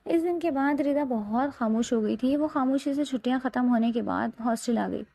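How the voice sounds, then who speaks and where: A woman reads a romantic novel aloud as a steady, scripted story narration. Her voice is slightly high, with a gravelly, creaky edge and a mellow, dark tone.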